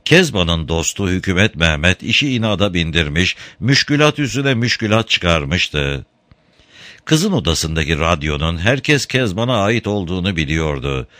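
A man narrating a story aloud in an expressive storytelling manner. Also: low-pitched, normal speed, dry recording. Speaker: reader.

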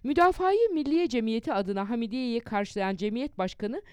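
A woman reading a historical account aloud as an audiobook narrator, in a measured storytelling manner that rises in emphasis for quoted speeches. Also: a little high, lively intonation, a little mellow, clean tone, dry recording.

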